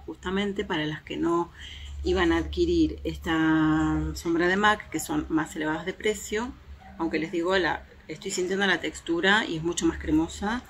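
Woman doing a makeup review out on her terrace, lowish gravelly voice, faint noise behind. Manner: chatty, hesitant fillers, shows swatches to viewers. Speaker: beauty vlogger. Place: home terrace, outdoors in daylight.

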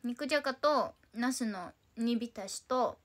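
A woman in her twenties from Tokyo, Japan, hosts a casual solo idol livestream. Her voice is on the high side and unhurried as she chats playfully in reply to viewer comments.

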